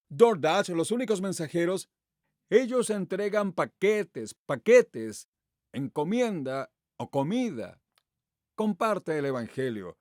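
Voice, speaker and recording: A male pastor preaching a sermon with a high, animated voice that leaps up and down in pitch. He fires off rhetorical questions and reads scripture aloud with strong emphasis. The sound is dry and close, with little room echo.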